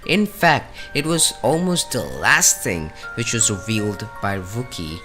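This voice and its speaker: A man narrates scripted game lore in a dramatic, animated way. His voice sits on the low side but swings widely in pitch for emphasis. Music plays clearly underneath him. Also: unhurried. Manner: dramatic, with rising and falling emphasis.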